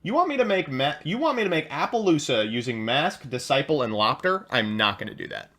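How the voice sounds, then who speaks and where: A man streaming a card game, chatting casually, reading chat aloud and getting excited. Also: on the high side, a little fast. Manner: excitable, chatty, reads chat aloud and laughs at his own jokes. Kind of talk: casual live-stream commentary while playing a card game.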